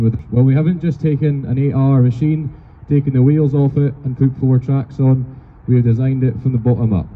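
Man presenting through thin phone-like PA. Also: mid-range voice. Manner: formal, explanatory. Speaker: machinery company presenter. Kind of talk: outdoor product presentation. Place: outdoors at an agricultural show. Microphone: handheld microphone through speaker, filmed from afar. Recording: thin phone-like PA sound, faint outdoor noise.

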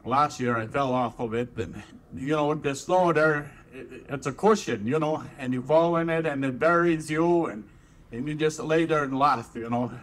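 A man with an Upper Peninsula Michigan accent giving a casual interview answer in a folksy, halting way. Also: a little high, a little hiss or hum. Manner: folksy, halting, repeats "you know". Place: outdoors in snow.

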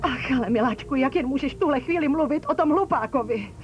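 A woman's voice: sits high, highs cut off, slight background noise, close to an everyday voice. A woman dubbing a frantic mother pleading with her daughter. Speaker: dubbing actor. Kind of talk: dubbed telenovela acting.

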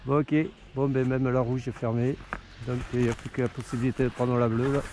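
A man's voice: medium pitch, flat delivery, a little fast. A man skiing outdoors and muttering casual remarks to himself as he films his run on an action camera. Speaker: skier filming his run. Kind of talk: casual running commentary. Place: outdoors on a ski slope. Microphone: action camera worn on the body. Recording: wind noise on an action camera.

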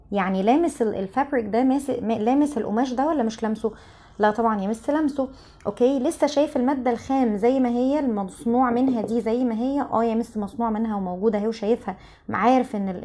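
Young Egyptian Arabic woman teacher, slightly high and mellow, quick talker who drills vocabulary syllable by syllable. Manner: drills words slowly syllable by syllable, quick explanations. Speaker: English teacher. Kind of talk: recorded English vocabulary lesson.

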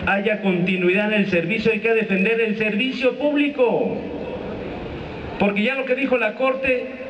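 A middle-aged union leader with a Mexican Spanish accent gives a combative, crude rally speech from an outdoor street stage, calling the crowd comrades. His voice is high and a bit bright, with fairly even intonation and an unhurried pace. The handheld mic runs through a PA and is filmed from the crowd, so the amateur video sounds distant, echoey and muffled, with a little hiss or hum.

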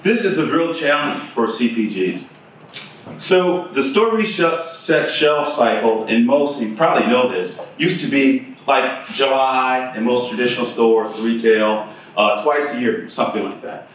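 In an echoey conference room with a projector screen, a man gives a conversational keynote talk and asks the audience questions. He speaks unhurriedly in a mid-range voice, picked up by a distant mic.

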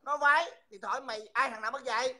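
Man, bright voice, mocking and insulting, repeats himself, livestream host. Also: very high-pitched, fairly even intonation, fast talker. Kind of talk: heated livestream taunting.

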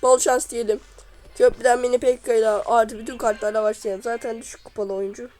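Excitable woman commenting her gameplay. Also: on the high side, brisk, soft background music, rough recording. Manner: excitable, cheers and scolds on-screen units. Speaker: gamer.

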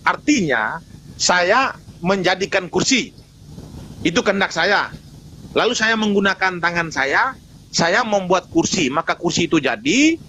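A man's voice: sits high, animated, measured pace, long pauses, bright, forceful tone, slight background noise, low-quality recording. A man arguing his case in a live online debate, emphatic, repeating points and answering his own rhetorical questions.

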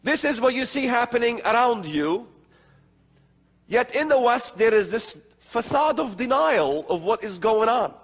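A middle-aged man from the Middle East giving a slow, emphatic lecture at a prophecy conference in a large hall with an audience. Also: very high-pitched, animated. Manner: slow emphatic delivery with gestures. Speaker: conference speaker. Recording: long hall reverb.

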